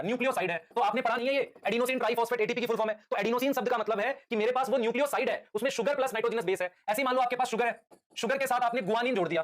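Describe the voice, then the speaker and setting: A male teacher giving a live lecture, patiently quizzing his students with quick repeated questions and calling them "beta". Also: very high voice, a bit bright.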